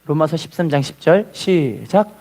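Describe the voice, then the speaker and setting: A man preaching a sermon as a pastor, telling a story with lively call-and-response. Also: on the high side, normal speed.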